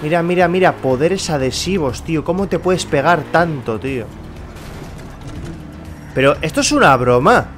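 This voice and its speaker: A man's voice: a little high, animated, normal speed, pauses often. A young man with a Spanish accent giving casual gameplay commentary, swearing and grumbling at the characters on screen. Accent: Spain Spanish. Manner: exasperated, swears often, talks to game characters. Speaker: gameplay streamer. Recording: faint background music and game car sounds.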